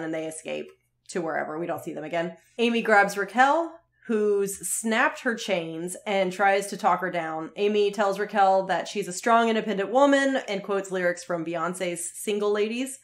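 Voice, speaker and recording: Woman co-host, casual episode recap, lively and laughing, mid-pitched. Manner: animated, laughs often, lively retelling. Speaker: podcast co-host.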